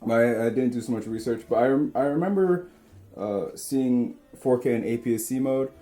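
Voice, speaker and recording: A young man co-hosting a casual chat about cameras, talking in a rambling, halting way with crude asides. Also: medium pitch, warm tone. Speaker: co-host.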